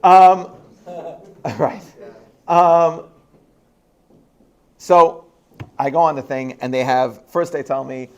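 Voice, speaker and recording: Gravelly man telling a funny story. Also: on the high side, extremely slow, pauses often, lo-fi sound. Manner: animated, self-deprecating, laughs through the telling. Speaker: rabbi giving a talk at a high school. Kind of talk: humorous personal storytelling.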